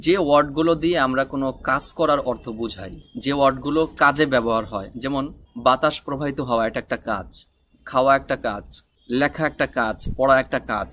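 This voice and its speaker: A man's voice: medium pitch, fast talker, fairly bright tone, no room sound. A man teaching a spoken English lesson, explaining patiently and spelling words out letter by letter.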